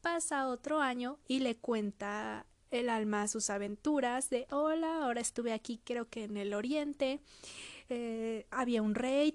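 A woman retells a fairy tale in a chatty, loose way, with a fairly high voice. She corrects herself and drops in quick laughing asides. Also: a little mellow. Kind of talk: casual storytelling.

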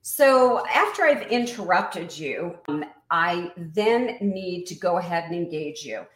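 A woman business coach is being interviewed and explains her method in an energetic, emphatic teaching tone. Her voice is fairly low and slow, and the sound is roomy.

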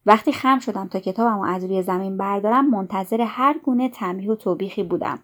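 A woman reads a novel aloud in the first person, keeping a calm and steady storytelling pace. Her voice sits at a middling pitch for a woman. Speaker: audiobook narrator.

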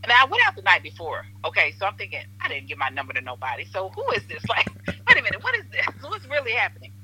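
Podcast guest: animated woman, bright and husky, tinny phone sound, lively storyteller. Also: medium pitch, fast. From Southern Illinois, USA. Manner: animated storyteller, acts out quotes, laughs often. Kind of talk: casual chat.

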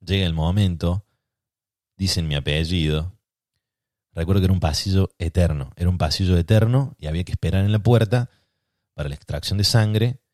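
A man's voice: deep voice, brisk, dry recording, clean studio sound. A young adult man with a Rioplatense accent telling a self-deprecating personal anecdote on his podcast. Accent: Rioplatense Spanish. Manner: self-deprecating, animated storytelling. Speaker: podcast host.

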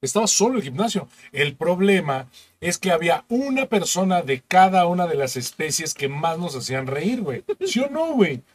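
Mexican male podcast co-host, crude laughing banter, voice a touch high. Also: sing-song, moderate pace. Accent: Mexican Spanish. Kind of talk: casual comedy chat.

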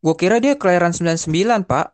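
Casual young man, rather high voice. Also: lively intonation, racing, slight background noise. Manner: informal slang, hesitant restarts, mixes in English phrases. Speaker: podcast co-host. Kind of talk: casual chat.

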